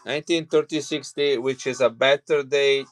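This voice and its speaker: Faint music plays behind a chatty Italian man selling coins during a live stream. He speaks at normal speed with a medium pitch and steady tone, rambling casually and often starting over.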